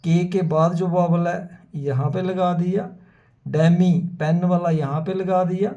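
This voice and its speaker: Slow gravelly shorthand teacher. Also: male voice, sits high, fairly even intonation, warm tone. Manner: methodical, repeats words slowly for students. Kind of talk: whiteboard lesson explanation. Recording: dull lo-fi sound.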